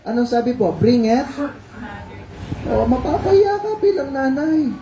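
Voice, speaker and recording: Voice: sits high, very animated, measured pace, warm tone, slight background noise. A preacher with a Filipino accent giving a conversational Taglish sermon, politely coaxing the congregation with questions and cues to read verses aloud. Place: church hall. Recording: dull, echoey church livestream audio.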